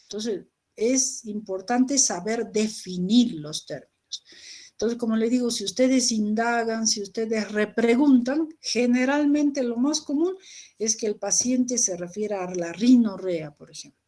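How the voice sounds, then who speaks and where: A woman teaches a medical class. Her voice sits a little high, and she explains patiently, often tagging her points with a questioning "¿no?" for the students. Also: a little slow, warm tone. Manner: explanatory, addresses students directly with frequent rhetorical questions. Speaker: lecturer. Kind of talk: recorded medical lecture.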